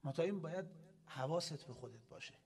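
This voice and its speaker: A male cleric preaching a Muharram sermon in an Islamic center hall, impassioned, swinging from loud exhortation to hushed asides. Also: a little high, animated.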